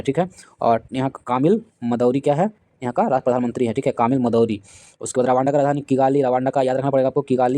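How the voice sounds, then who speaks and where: A man teaching a rapid exam-prep lesson who quizzes his listeners and repeats key facts. His voice is mellow and low in brightness. It is recorded close and dry, with no room sound. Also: no room sound. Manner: drills facts with repeated quiz questions; slows down to spell out names. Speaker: current affairs teacher.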